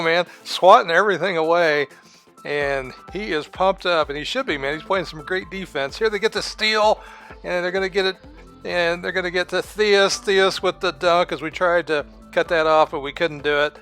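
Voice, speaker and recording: A man giving casual, excited play-by-play commentary on a basketball video game, laughing often and sometimes losing track of the score. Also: fairly high pitch, clear, resonant tone. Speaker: gaming commentator.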